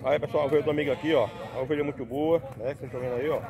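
A man's voice: a little high, steady tone, racing. A man walking an outdoor goat market with his phone, chatting with sellers about prices and relaying them to viewers. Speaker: vlogger touring a livestock market. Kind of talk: casual on-the-spot market walkthrough. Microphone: phone camera held by the speaker. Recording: noisy outdoor market with crowd. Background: crowd chatter and bleating animals.

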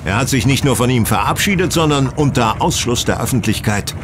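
A man playing Sherlock Holmes, sardonic and lively. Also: mid-range voice, fairly quick, background noise, natural voice. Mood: self-assured. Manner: teasing, didactic, condescending. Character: brisk, superior male detective, sardonic and self-assured. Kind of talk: German audio drama acting.

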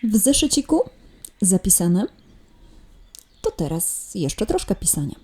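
A woman primary school teacher walking children through workbook exercises in a recorded remote lesson, patient and gently teasing. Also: mid-range voice, sing-song, a little slow, slightly rough. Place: at home.

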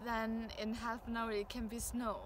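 Teen female interviewee from Iceland, calm outdoor answers on a camera mic, clear ambient noise behind. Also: on the high side, normal speed. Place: outdoors in open countryside.

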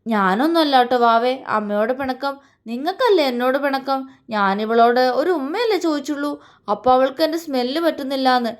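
A woman's voice: high-pitched, expressive, fairly quick. A woman reading a sulky pouting young husband. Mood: sulking. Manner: petulant, whiny complaining.

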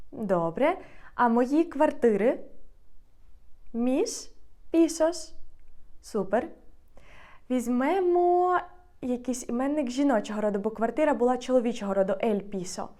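A woman giving a grammar lesson, patiently repeating each example slowly. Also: high-pitched, darkish tone. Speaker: Spanish teacher.

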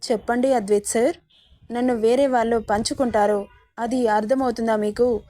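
Brief: woman doing a wounded, sharp-tongued young woman, higher voice, mellow tone, reproachful. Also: steady tone, normal speed, no echo, studio quality, natural voice. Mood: hurt, reproachful. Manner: reproachful, pleading questions.

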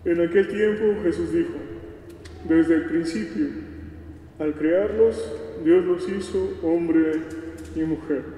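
A man, a priest, reading the gospel and preaching at a wedding mass in a measured, preacherly way, heard with heavy cathedral echo. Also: on the high side, warm tone, a little hiss or hum. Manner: measured, preacherly, with rhetorical asides. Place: large church. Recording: distant mic in a long-reverb church, faint ambience.

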